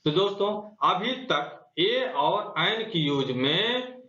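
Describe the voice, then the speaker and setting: A man's voice: high voice, animated, slow, bright, forceful tone. A man teaching a grammar lesson. He asks the class questions, answers them himself and repeats the key words. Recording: roomy, dull lo-fi sound.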